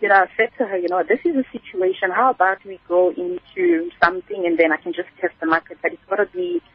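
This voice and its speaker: This is a guest on a radio interview: a spice entrepreneur from Kimberley, South Africa, speaking by narrow phone line. She talks fast in a medium pitch, expressive, with vocal fry and a breathy edge on a dry recording. Her answers are conversational and long, unfolding as stories.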